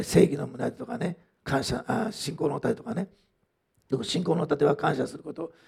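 Man in sermon mode, husky and gravelly, chatty asides, lively pitch. Pastor type. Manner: conversational, frequent "ね" asides, many fillers. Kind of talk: sermon with testimony.

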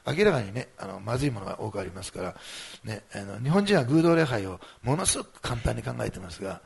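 A man's voice: fairly low pitch, animated, quick pace, gravelly, breathy edge. A man preaching a sermon as pastor, in a conversational way with many small fillers.

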